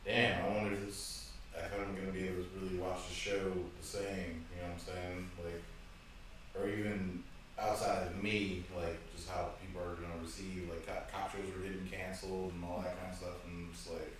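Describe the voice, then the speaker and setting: A man with a very low voice talks in relaxed, reflective casual chat. He sits far from the mic in a very roomy space, with faint noise in the background. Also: normal speed. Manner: relaxed, reflective, frequent fillers.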